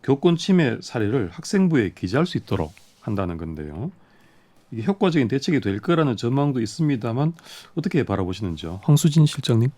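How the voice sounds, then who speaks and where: A man's voice: mid-range voice, sing-song, quick pace, warm tone. A man hosting a radio panel debate in a studio, putting questions to guests and keeping them talking with short nods. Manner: inquisitive, draws guests out with short acknowledgements. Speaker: radio debate show host.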